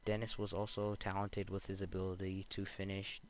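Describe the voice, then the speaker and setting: A male student reading a short scripted report, recorded inside a small closet in a flat, careful way. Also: sits low, a little fast, a little hiss or hum. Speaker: student reading a podcast segment.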